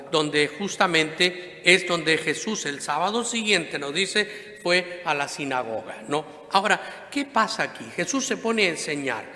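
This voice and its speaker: A man's voice: on the high side, sharp tone. A male priest giving a Sunday homily in a conversational way, asking rhetorical questions and adding "no?" after many phrases, in a church. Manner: conversational preaching, frequent rhetorical questions and tag "¿no?". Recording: echoey church with long reverb.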